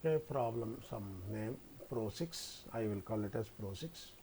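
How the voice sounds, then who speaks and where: A man's voice: lowish voice, expressive, a little slow, warm tone, a little hiss or hum. A man giving a spoken tutorial as a lecturer, often repeating his phrases as he explains each step. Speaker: maths lecturer teaching software coding.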